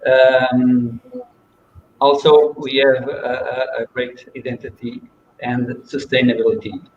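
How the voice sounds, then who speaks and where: A man from Portugal speaks slowly and haltingly in a flat voice, restarting his words again and again. He sounds far from the mic, in a roomy space. The sound is muffled, with faint noise behind him. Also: mid-range voice. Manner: hesitant, many restarts. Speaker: restaurant owner. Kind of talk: online panel introduction.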